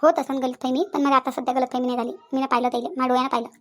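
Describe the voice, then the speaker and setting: A woman's voice: high-pitched, flat delivery, very fast, fairly bright tone. A woman voicing a chatty young sister-in-law in a village cartoon, bickering and confronting.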